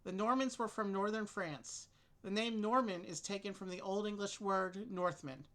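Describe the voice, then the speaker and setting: A woman's voice: medium pitch, moderate pace. A woman reading game clue texts aloud and chatting casually with a co-player about solving a mystery. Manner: steady, clear reading of clue text.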